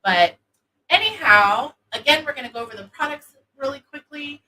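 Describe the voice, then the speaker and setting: A woman hosting a casual product demo, talking in a soft, sultry voice with many fillers. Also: high-pitched, animated, moderate pace, a little hiss or hum, poor audio. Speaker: host of an intimacy product show.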